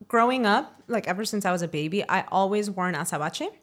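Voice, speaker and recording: A woman from Miami co-hosting a casual chat, relaxed and chatty, dropping in Spanish words. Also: mid-range voice, fast. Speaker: podcast co-host.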